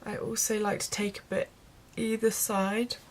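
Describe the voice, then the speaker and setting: This woman is a beauty vlogger giving an informal makeup tutorial, chatting casually as she explains each step to her viewers. She speaks a little slowly, in a medium-pitched voice with a level tone.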